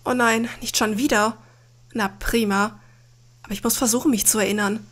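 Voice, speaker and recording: A woman playing a video game and reading all of its dialogue aloud in her own voice, with dramatic, expressive delivery. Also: fairly high pitch, normal speed. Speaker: Let's Play gamer.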